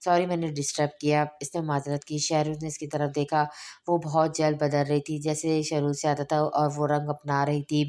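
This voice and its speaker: Low, flat-voiced woman narrating. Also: moderate pace. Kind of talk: audiobook narration of a romance novel.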